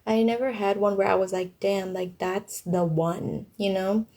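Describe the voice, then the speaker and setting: A young Thai woman chats casually with her livestream viewers, answering their questions in informal, youthful slang. Her mellow, soft-edged voice sits at a medium pitch, steady and unhurried.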